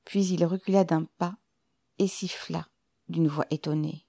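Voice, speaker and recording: A woman narrating a novel in a measured, even storytelling manner. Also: low-pitched, no room sound, clean studio sound. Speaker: audiobook narrator.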